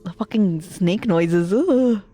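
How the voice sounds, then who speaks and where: A woman's voice: medium pitch, slow, mellow, soft background music. A woman streamer giving casual horror game commentary, full of jumpy reactions, exclamations and swearing.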